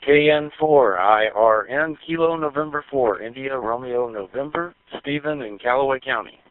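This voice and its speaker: A man's voice: mid-range voice, moderate pace. A man checking in to an amateur radio net, spelling his call sign in the phonetic alphabet, heard over a static-tinged radio link. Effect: heard over a ham radio link, static-tinged. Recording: tinny, narrow-band radio transmission.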